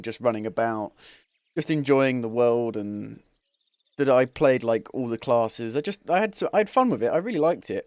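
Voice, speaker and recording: A man begins playing a game on stream and comments casually, rambling and chuckling at his own expense. His voice sits at medium pitch with a darkish tone, and there's no room sound in the recording.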